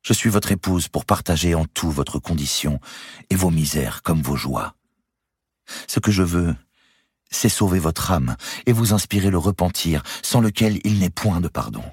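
A man's voice: low-pitched, lively intonation, moderate pace, a little mellow, slightly rough, no echo, clean studio sound, pitched above the performer's own voice, full character voice. A man voicing a devout young queen who speaks firmly and solemnly. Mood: gentle, firm. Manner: firm, solemn, pleading.

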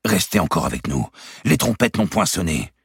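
Guy doing a earnest loyal lame lord, formal, husky voice. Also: deep voice, very animated, moderate pace, no room sound, clean studio sound, voice pushed up, heavily acted. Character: loyal limping male lord, earnest and protective.

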